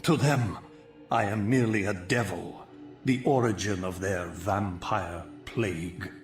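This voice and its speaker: A man playing an ancient, gentle, sorrowful winged vampire guardian in a video game, speaking in solemn, formal, archaic phrases. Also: deep voice, unhurried. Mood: weary sorrow. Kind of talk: dramatic video game voice acting. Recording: echoey, music underneath.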